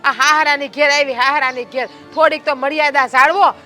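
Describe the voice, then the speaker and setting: A woman's voice: sits high, steady tone, normal speed, sharp tone, faint music behind. Woman playing a scolding village sister-in-law. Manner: scolding, blunt and quarrelsome. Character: strict sharp-tongued village woman, elder sister-in-law. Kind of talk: family drama acting.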